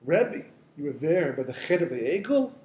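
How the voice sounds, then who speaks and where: A man's voice: on the high side, sing-song, normal speed, mellow. Brief: a curious, daring follower voiced by a man, eager questions, echoey room.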